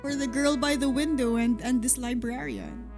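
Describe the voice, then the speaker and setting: A woman's voice: high-pitched, steady tone, moderate pace, vocal fry, over music. A woman streaming a visual novel, reacting in a cutesy, gushing, exclamatory way. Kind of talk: game playthrough, reading aloud and reacting.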